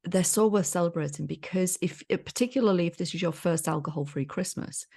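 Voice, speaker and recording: Lady cohost, super low gravelly voice, jokey and upbeat. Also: fairly quick, warm tone. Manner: jokey, enthusiastic. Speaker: podcast co-host. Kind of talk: casual chat.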